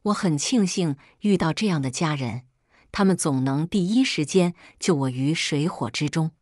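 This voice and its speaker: A woman's voice: low-pitched, lively intonation, normal speed, a little mellow, no echo, clean studio sound. A woman reading a first-person family quarrel story in a scripted, dramatic storytelling way.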